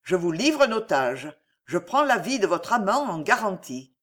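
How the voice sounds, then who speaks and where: A reader plays a cold nobleman laying out a blackmail deal, grim and commanding. His delivery is measured, with lively rises and falls in pitch. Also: exaggerated voice. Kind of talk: audiobook character voice.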